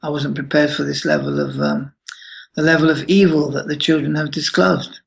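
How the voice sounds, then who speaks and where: Guy near sixty, gravelly and a bit high, keeps stopping and restarting. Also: little pitch movement, low-quality recording. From United Kingdom. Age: 50s. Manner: halting, many restarts and pauses. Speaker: interviewee. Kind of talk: emotional personal account.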